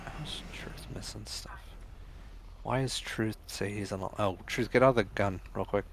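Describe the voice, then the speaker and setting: A man with a fairly low voice acts as raid leader in an online game. He gives casual instructions to his team on voice chat, with loud game noise behind him. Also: brisk. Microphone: gaming voice chat microphone.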